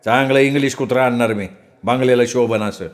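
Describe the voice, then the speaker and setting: A man's voice: medium pitch, fairly even intonation, brisk, close to an everyday voice. A man voicing a brash young village man who brushes off his mother in rustic speech. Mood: boastful. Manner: dismissive, offhand, rustic speech.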